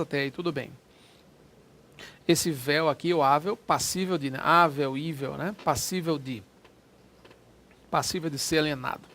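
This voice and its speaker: A man's voice: fairly high pitch, a bit bright. A man with a Brazilian Portuguese accent teaching an exam-prep lesson, chatty and often checking in with the listener. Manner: chatty, prods the listener with quick check-ins. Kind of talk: lecture explaining exam questions.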